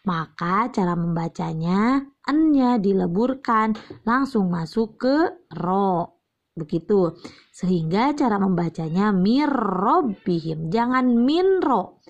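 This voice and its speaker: Slow, patient woman teacher. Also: mid-range voice, a little mellow. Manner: drawn-out recited examples, repeats key terms, asks and answers herself. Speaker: Quran recitation teacher. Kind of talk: slow patient tajwid lesson. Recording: slightly dull lo-fi recording.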